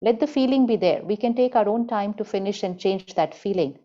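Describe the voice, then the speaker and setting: A woman spiritual teacher giving an emphatic motivational talk, repeating key lines slowly. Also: mid-range voice, expressive, dark tone, lo-fi sound.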